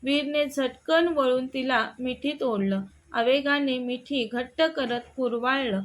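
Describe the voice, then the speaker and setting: Woman storyteller, high voice, slow gentle reading, scripted story narration.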